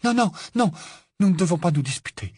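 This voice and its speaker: A man voicing a distressed teenage girl witch in an audiobook, pleading in a high, strained voice. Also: lively intonation, brisk, dark tone, slightly rough, no room sound, studio quality. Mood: distraught. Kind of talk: audiobook character voice.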